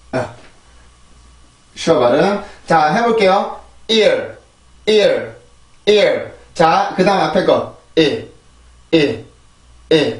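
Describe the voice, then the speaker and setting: Korean man teaching pronunciation, echoey room. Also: on the high side. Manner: repeats drill words slowly, asks rhetorical questions. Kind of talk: pronunciation lesson. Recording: echoey room, voice a bit far from the mic.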